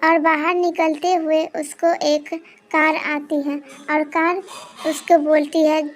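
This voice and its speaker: High flat-voiced woman narrator. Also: takes it slowly. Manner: simple, repetitive storytelling. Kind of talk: storybook narration.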